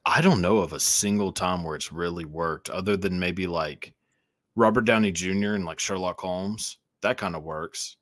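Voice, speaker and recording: A man's voice: low voice, normal speed, no echo, clean studio sound. A man with a standard American accent in casual, comedic podcast chat, often repeating short phrases as he goes. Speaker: podcast host.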